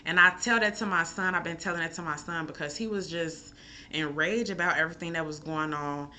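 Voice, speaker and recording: Bright-voiced, emotional woman from Chicago. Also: low voice, fairly even intonation, brisk. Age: adult with a school-age son. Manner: candid, emotional, rambling with many fillers. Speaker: chef and mom. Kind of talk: casual personal vlog talk.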